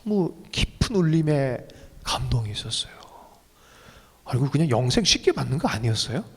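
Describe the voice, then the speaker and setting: Emotive pastor preaching in a hall. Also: male voice, very animated, moderate pace, husky. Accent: Korean. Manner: emotional, rising to sudden high bursts. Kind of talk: sermon. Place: church sanctuary. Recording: long reverb of a church hall.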